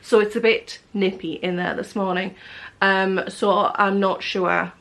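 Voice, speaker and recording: A woman's voice: mid-range voice, flat delivery, a little slow, a bit bright. A woman vlogger chatting casually to camera, rambling with many fillers and restarts. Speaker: knitting vlogger.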